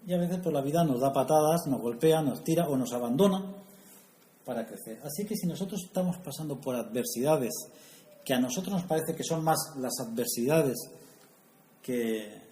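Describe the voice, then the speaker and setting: A man with a mellow, mid-range voice preaches a sermon at normal speed in a conversational style, putting questions to the audience and slipping in humorous asides. The room is echoey, with faint ambience and slight background noise.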